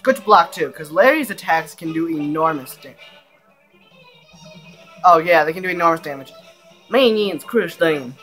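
A man's voice: on the high side, moderate pace, pauses often, pushed and bright. A young man giving casual, rambling commentary while playing a video game. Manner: rambling, offhand asides. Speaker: gameplay video creator. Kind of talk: casual let's-play commentary. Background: faint game music.

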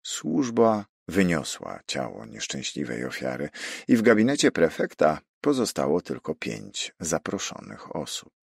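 A man narrating an audiobook in a steady storytelling manner. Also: rumbling low, a little slow, gravelly, husky, no room sound, clean studio sound.

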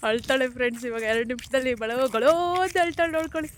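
A woman's voice: high-pitched, racing. Chatty woman in a noisy home vlog. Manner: chatty, addresses viewers as friends. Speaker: vlog host. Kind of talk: casual family vlog chat.

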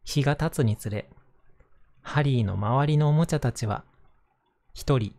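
Soothing male bedtime storyteller, mellow tone, gentle picture-book narration. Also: medium pitch, unhurried. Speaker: storyteller reading picture books aloud to listeners.

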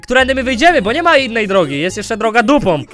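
High-pitched guy doing goofy lets play commentary, jumpy and bouncy, bit of game music behind. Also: sing-song, fast talker. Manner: goofy, jokey, mispronouncing names on purpose, bursts of loud outbursts. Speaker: gaming YouTuber.

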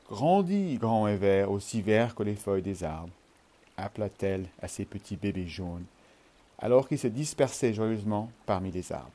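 Dark-voiced man reading a storybook. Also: on the low side.

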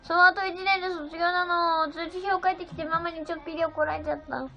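A seventeen-year-old girl with a very high, steady voice and vocal fry talks fast on a phone livestream. Bubbly, she reads viewer comments and thanks people one by one, and the sound is slightly dull with faint music.

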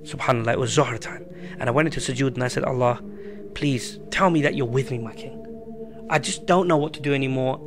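Fast-talking man telling a story. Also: mid-range voice, background noise. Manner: animated, slangy, repeats himself. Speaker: podcast guest. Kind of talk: casual storytelling chat. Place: small room with a poster wall. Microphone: studio mic on a stand.

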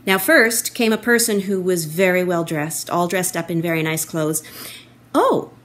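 A middle-aged woman telling a children's story for a church, expressive and animated, recorded on a laptop webcam at home. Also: lowish voice, normal speed. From Canada. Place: wood-panelled room at home, indoors. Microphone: laptop webcam, close framing.

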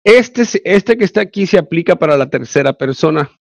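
A man's voice: fairly high pitch, lively intonation, fairly quick, gravelly, no room sound. A male English teacher with a Mexican Spanish accent, giving an online class and explaining grammar step by step with frequent check-ins.

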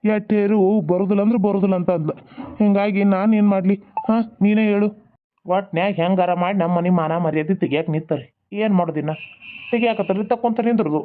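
Earnest village men of a homemade cartoon, all voiced by one man, talking fast in a North Karnataka accent. His voice sits fairly high, and the sound is thin and phone-like. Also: natural voice. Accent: North Karnataka Kannada. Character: village men, a son-in-law and a father. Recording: tinny phone-like recording.

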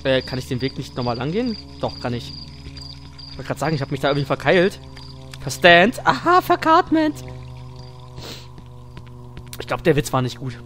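A man's voice: medium pitch, quick pace, soft background music. A man giving casual, crude and slangy commentary as a scared, jumpy horror game streamer. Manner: crude, slangy, self-deprecating joking. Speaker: let's play streamer.

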